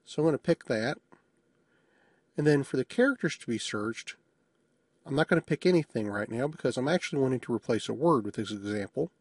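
A man narrates a screencast tutorial, walking through a software demo in a relaxed, matter-of-fact way with the odd small joke. His mid-pitched voice is a bit husky and fairly quick. The recording is dry and close, with no room sound.

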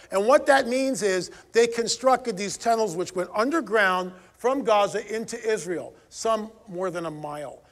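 A man's voice: sits high, a bit bright. A man giving a conference talk in an emphatic manner, pushing up to urgent peaks. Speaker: conference speaker. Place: conference hall.

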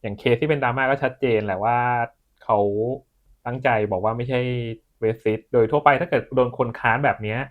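A man co-hosting a casual vlog chat, calmly summing things up. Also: medium pitch, a little fast. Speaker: vlog co-host. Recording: tinny phone-like sound.

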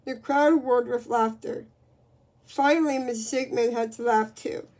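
A woman's voice: a little high, fairly even intonation, measured pace, darkish tone. A woman reading a children's book aloud, with frequent slips and restarts.

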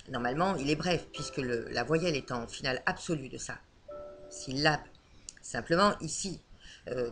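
A woman's voice: deep voice, a bit bright. Patient woman teaching a lesson. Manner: patient, explanatory, frequent hesitations. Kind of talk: spoken lesson on Old French.

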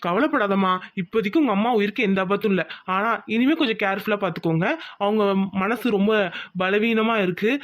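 A woman voicing a calm male doctor who reassures a worried family in a cartoon. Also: medium pitch, brisk, natural voice. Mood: reassuring. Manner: reassuring, explanatory. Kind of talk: cartoon voice acting.

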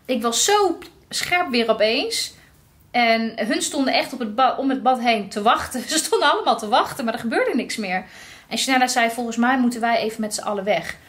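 A woman tells a personal story in a vlog, with a slightly high voice. She talks in a lively way and acts out the quotes of the people in it. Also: a little fast. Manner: lively, recounting with acted-out quotes. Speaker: vlogger.

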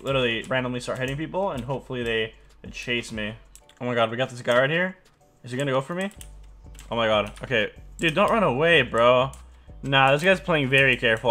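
A man's voice: mid-range voice, sharp tone. A young man doing casual gameplay commentary as a video host, talking in a slangy frat-bro way peppered with dude and bro.

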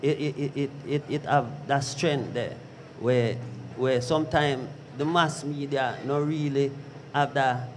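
A Jamaican man presenting in a live radio discussion, urging his point with halting restarts. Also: mid-range voice, slight background noise.

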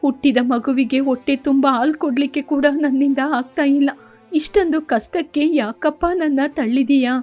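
A woman's voice: high-pitched, steady tone, normal speed, darkish tone, soft background music, natural voice. A woman voicing a proud, poor young mother who pleads tearfully in a cartoon story. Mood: grieving.

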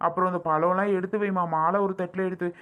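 A woman playing a gentle, attentive young groom who fusses over everyone in a family drama. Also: on the low side, fairly even intonation, quick pace, close to an everyday voice. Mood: bossy. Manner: fussing, affectionate.

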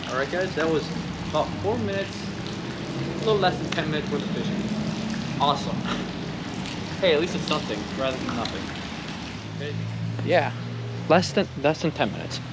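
An outdoor vlogger narrates casually by a lake and trails, easygoing and shrugging off setbacks as he talks to his viewers. His fairly high voice has lively intonation at normal speed with long pauses, and the outdoor recording carries clear background noise.

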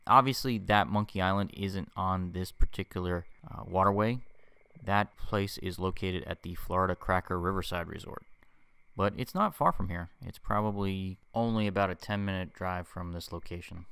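A man's voice: low voice, normal speed, vocal fry, a bit bright, clean tone, no room sound. A man casually narrating a boat tour voice-over for his travel vlog, chatty and easygoing with self-deprecating asides.

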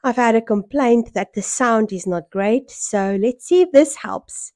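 A middle-aged South African woman with a hoarse voice worn by a cold, chatting casually in a home vlog. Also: fairly high pitch, expressive, measured pace, warm tone, no room sound, clean studio sound. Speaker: sewing vlogger. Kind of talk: casual vlog chat to camera. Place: small furnished room at home, indoors. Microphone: small microphone held near the mouth.

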